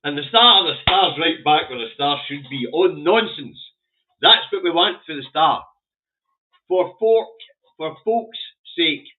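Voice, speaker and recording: A man with a broad Scottish accent giving casual, opinionated commentary in a blunt, sweary, rambling way. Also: fairly high pitch. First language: Scots. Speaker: vlogger reviewing the day's newspaper front pages. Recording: muffled phone-like narrow-band audio.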